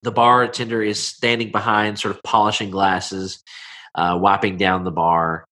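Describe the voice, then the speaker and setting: A man improvising narration as game master of a tabletop game, informal, halting and folksy. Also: on the low side, flat delivery, bright, forceful tone.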